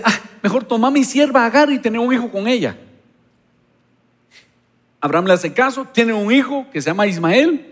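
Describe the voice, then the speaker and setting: A man's voice: sits high, big-room sound. A male pastor preaching a sermon, telling stories and acting out dialogues with God.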